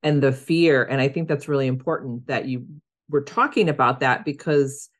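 A woman's voice: very deep voice, normal speed. A woman hosting a podcast who affirms her guest and asks friendly questions. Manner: affirming, encouraging interviewer. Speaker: podcast host. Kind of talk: casual interview.

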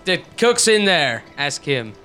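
A man playing a ship's captain in a tabletop game, dry and deadpan. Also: fairly high pitch, slow pace, smooth, faint music behind. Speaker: player.

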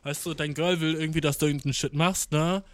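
A man's voice: a little high, steady tone, fast, no echo, clean studio sound. A young man, rambling ironically in casual slang and mixing in English words. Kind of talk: casual monologue to camera.

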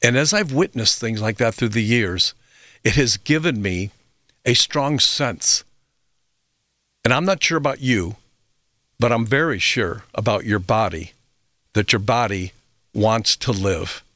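A man's voice: lowish voice, unhurried, pauses often, bright, forceful tone, dry recording. Middle-aged guy on health radio, telling stories, dry close studio mic. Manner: reflective storytelling with frequent fillers and restarts. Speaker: health radio show host. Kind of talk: radio talk monologue.

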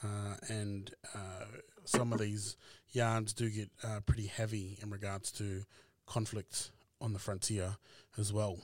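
Male podcast host, lower voice, dry close sound, unhurried with fillers. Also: dry recording. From Australia. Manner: relaxed, frequent "uh" fillers. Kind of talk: casual interview chat.

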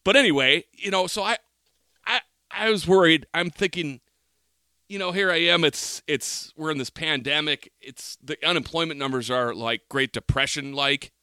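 A man's voice: fairly high pitch, moderate pace, bright, forceful tone, smooth, no echo, studio quality. A middle-aged man, telling a rambling, profane story as a podcast co-host. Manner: rambling, profane, exaggerated rants. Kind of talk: casual chat, storytelling.

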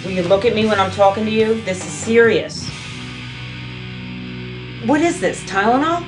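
Exasperated, dismissive mother played by an amateur actress, stern and scolding, mid-pitched, loud music behind. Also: animated, normal speed, lightly acted. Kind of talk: amateur film acting.

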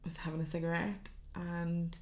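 A woman with a Northern Irish accent and a gravelly voice, candidly telling personal stories in casual conversation and acting out what people said. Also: on the low side, moderate pace. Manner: animated retelling with acted-out quotes. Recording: roomy, echoing sound.

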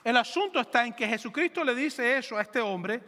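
A man preaching a sermon as pastor, animated and joking, acting out quick voices for biblical characters. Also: very high-pitched, big-room sound.

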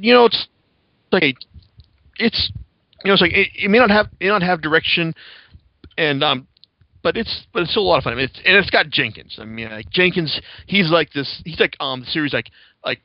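A man's voice: medium pitch, no echo. A man hosting a podcast, chatting casually and reviewing with rambling, profane enthusiasm. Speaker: podcast host. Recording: slightly dull lo-fi sound.

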